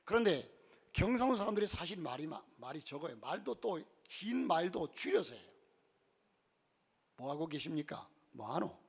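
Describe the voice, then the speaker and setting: A male pastor delivers a sermon in a church, his voice pitched high with a gravelly rasp. He weaves folksy, humorous stories into his preaching and swings between loud declarations and quiet asides. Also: very animated, moderate pace.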